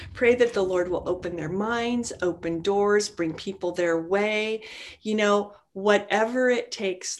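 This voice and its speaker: Chatty, earnest woman teaching scripture. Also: mid-range voice. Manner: chatty and earnest, full of "you know" asides. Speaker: women's Bible study teacher. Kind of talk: informal devotional teaching.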